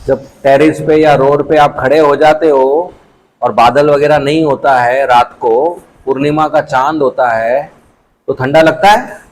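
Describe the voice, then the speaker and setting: A man giving a storytelling sermon to a youth class, a lively storyteller who acts out his characters. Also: mid-range voice, measured pace, low-quality recording.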